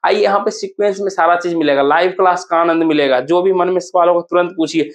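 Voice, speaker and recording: Coaching teacher, male, high-pitched, Bihari Hindi accent; self-questioning promo lesson, slows on key words. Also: fairly even intonation. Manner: asks and answers his own questions, slows to repeat key words. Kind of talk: promotional exam-prep lesson.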